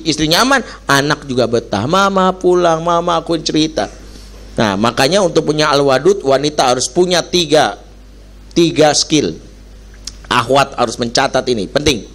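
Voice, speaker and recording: A middle-aged man giving a lively Islamic sermon. He jokes, acts out quoted dialogue in other voices and recites Quranic Arabic. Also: fairly high pitch. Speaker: preacher.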